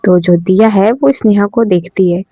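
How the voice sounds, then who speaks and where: A woman's voice: medium pitch, normal speed, warm tone, husky, no room sound, rough recording. A woman casually retelling a love story in a chatty way, addressing the listeners directly.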